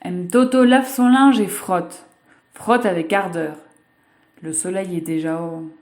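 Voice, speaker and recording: A woman narrating a children's picture book aloud in an expressive, measured way, as the voice-over for a sign-language reading. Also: fairly low pitch. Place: voice-over for a video.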